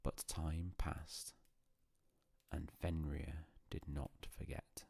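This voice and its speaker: Male sleep-story narrator: gravelly, close and dry, calm, solemn, hushed delivery with long pauses. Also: a bass voice, no room sound.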